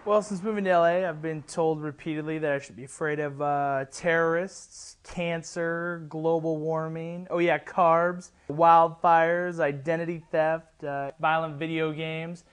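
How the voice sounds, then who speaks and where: Man as a wry, highish-voiced unworried resident. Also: fairly even intonation, a little slow, few pauses, clear, resonant tone, lightly acted. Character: nonchalant male Los Angeles resident, drily unworried. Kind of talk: mock casual interview.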